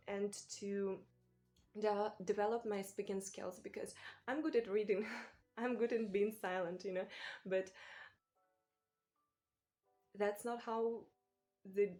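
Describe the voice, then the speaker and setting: Ukrainian-accented woman, mellow voice. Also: medium pitch. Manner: thoughtful, halting, with small restarts and soft laughs. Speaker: booktuber. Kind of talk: casual vlog talk to camera.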